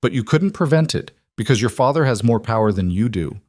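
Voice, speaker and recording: A man reading a young woman's lines in a story, speaking in a sharp, accusing way with a raised voice. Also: medium pitch, expressive, a little fast, no echo, studio quality, close to an everyday voice. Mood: bitter. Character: young woman, wary bride, hurt and angry.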